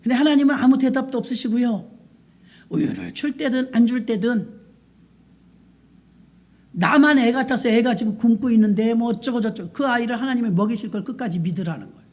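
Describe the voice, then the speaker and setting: A woman's voice: fairly high pitch, fairly quick, darkish tone. A woman pastor preaching at a night vigil service in a church, stressing words by repeating them and asking the congregation rhetorical questions. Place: church sanctuary.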